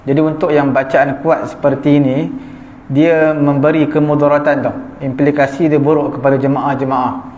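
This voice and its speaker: A man with a Malaysian Malay accent giving an evening religious lecture as a teacher, explaining points in a measured way with fillers and quick check-ins to his listeners. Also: a little high, little pitch movement, darkish tone, highs cut off. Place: prayer hall of a small mosque. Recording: echoey prayer hall.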